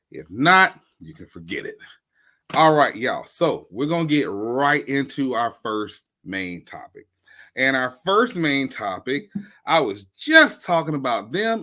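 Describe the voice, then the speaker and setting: A man's voice: mid-range voice, sharp tone. A man hosting a show in a casual, joking and slangy way. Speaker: host.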